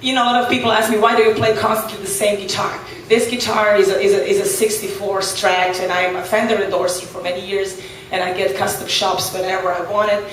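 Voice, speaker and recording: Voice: medium pitch, little pitch movement, brisk, a bit bright. A blues guitarist from Serbia with a Serbian accent, speaking English as a second language, answering interview questions on a boat in a thoughtful way, with many fillers and restarts. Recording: echoey, far from the mic, faint noise.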